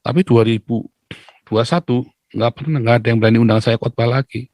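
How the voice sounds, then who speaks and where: A man from Indonesia, a pastor and YouTuber, talking casually to his viewers in an animated way, keeps asking rhetorical questions and answering them himself, with teasing laughs. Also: mid-range voice, fairly quick, no echo. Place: Netherlands.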